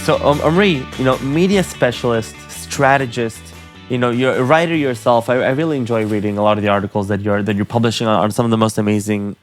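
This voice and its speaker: A man's voice: medium pitch, fast talker, faint music behind. A man hosting a podcast, reading a scripted introduction and then asking his guest questions conversationally. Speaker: podcast host.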